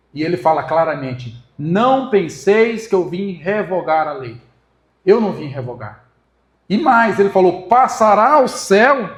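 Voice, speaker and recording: Man, Brazilian Portuguese accent, sermon, high voice, emphatic, roomy church echo. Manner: emphatic, building to forceful peaks while arguing. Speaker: preacher. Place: church hall. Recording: echoey church hall.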